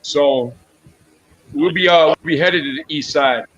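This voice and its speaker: A man with a high, bright voice and an East Coast-sounding accent, though he comes from the Midwest. He chats in an easygoing way, repeating himself as he goes. The sound is muffled and lo-fi. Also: unhurried. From Midwest US, Minnesota. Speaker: guest caller. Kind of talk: casual chat on a live stream.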